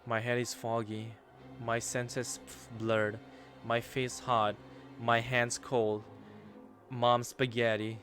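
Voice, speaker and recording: A young man streaming a game, reading the story aloud and reacting with casual swearing and loud outbursts. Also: mid-range voice, level tone, takes it slowly. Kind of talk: let's play commentary and reading aloud. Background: game music.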